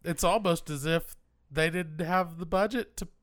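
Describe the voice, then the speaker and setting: A man's voice: on the high side, moderate pace, fairly bright tone, dry recording. Wry man podcast co-host, dry close sound. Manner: dry, wry humor, recaps the plot. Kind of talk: casual film discussion.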